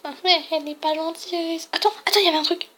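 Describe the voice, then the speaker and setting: A woman's voice: extremely high pitch, steady tone, rapid-fire, pushed and bright. A young woman chatting casually while playing through a game and reacting to it. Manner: chatty, reacts and reads aloud. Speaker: let's play gamer.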